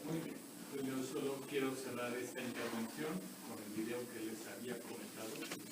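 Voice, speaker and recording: A man's voice: medium pitch, fairly even intonation, normal speed, very noisy. A man lecturing live, casually wrapping up and inviting questions. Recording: echoey distant room, loud clattering dishes.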